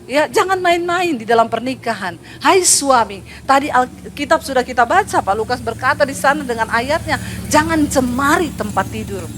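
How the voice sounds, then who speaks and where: A woman pastor preaches with a high voice, animated and full of teasing humor as she acts out little conversations. Faint noise hums in the background. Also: moderate pace. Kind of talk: sermon.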